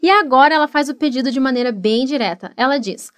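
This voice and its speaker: A woman with a Brazilian Portuguese accent teaching an English lesson, encouraging and slowing down for model repetitions. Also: high-pitched, a bit bright, smooth, no echo.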